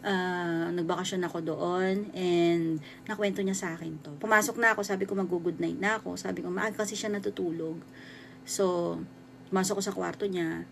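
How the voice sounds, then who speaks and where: A woman in her thirties from the Philippines, telling a true horror story in a casual, halting way with many restarts. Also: on the low side, fairly even intonation, vocal fry, fairly bright tone. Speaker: vlogger.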